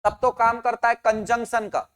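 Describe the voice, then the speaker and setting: A man's voice: very high voice, little pitch movement, moderate pace, a bit bright, clear, resonant tone, long reverb tail. A man teaching an English grammar class, asking his students questions and answering them himself, and calling out their names and answers. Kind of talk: online grammar lesson.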